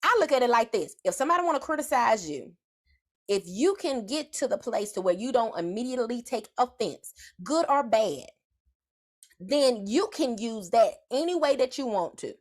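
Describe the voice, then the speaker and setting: A woman with a Southern US accent hosting a live stream, giving a loud, folksy, conversational motivational talk. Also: fairly high pitch, lively intonation, moderate pace. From Southern United States.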